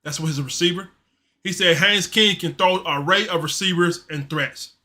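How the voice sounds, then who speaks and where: A man with a high voice hosts a casual live-stream sports show at a moderate pace, talking in a loose, slangy, animated way. He reads chat messages aloud into a streaming mic.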